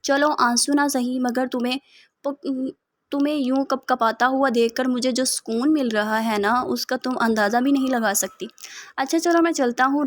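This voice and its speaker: A woman's voice: fairly high pitch, dry recording, lightly acted. Woman reading as a taunting cruel young husband. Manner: taunting, coldly teasing.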